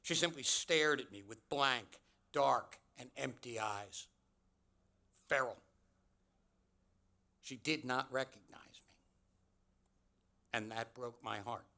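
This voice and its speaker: A man giving a commencement address, telling a personal story in a measured, deliberate way with dramatic pauses. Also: mid-range voice, creaky, sharp tone. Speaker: commencement speaker.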